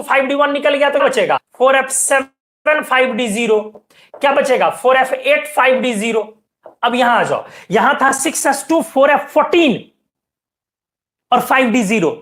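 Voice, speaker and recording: High-voiced woman teaching chemistry. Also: a bit bright. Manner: explains step by step, asks students frequent questions; keeps urging students to pay attention. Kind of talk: classroom lecture.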